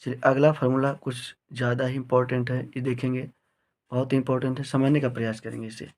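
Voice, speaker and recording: A man teaching a grammar lesson to students, reciting rules slowly and asking the class questions as he goes. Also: mid-range voice, flat delivery, darkish tone. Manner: slow, drawn-out recitation with frequent questions to the class.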